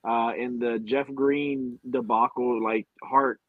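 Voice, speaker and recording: A man's voice: medium pitch, flat delivery, slow, no room sound. Man on dull, dry podcast audio. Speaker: podcast co-host. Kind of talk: casual chat. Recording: muffled narrow-band voice audio.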